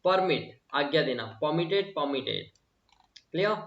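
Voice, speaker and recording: A man's voice: fairly high pitch, lively intonation, normal speed, a bit bright. Male teacher, echoey room, repeating and asking. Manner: repeats words and asks the class questions. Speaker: English grammar teacher. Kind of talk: classroom lesson. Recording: echoey room, voice from a distance, dull sound.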